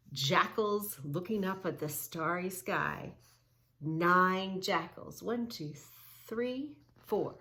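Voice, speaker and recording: Speaking in a mid-range voice with a sharp edge, this woman plays a yoga teacher reading a picture book to kids. It's a read-along full of movement cues and counting, and she keeps the children engaged through questions, repeated lines and easy directions.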